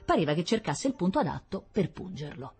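A woman reading a children's storybook aloud in an expressive, lively storytelling manner. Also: lowish voice, a little fast, husky. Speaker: narrator.

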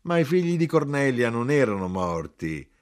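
Man doing old mother, wary, exclaiming, husky, raised pitch, swooping. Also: very animated, moderate pace, darkish tone. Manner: wary, then shrill and exclaiming. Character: anxious old Sicilian mother, wary then excited.

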